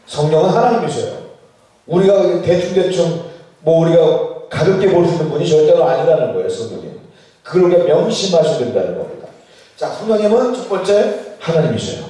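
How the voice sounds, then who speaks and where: A man's voice: on the high side, animated, brisk, mellow. A male pastor giving a sermon at a church retreat, asking the congregation questions and leading them in reading scripture aloud. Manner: questions the congregation and leads group Bible reading. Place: large room with strong echo. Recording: echoey hall, voice from far off.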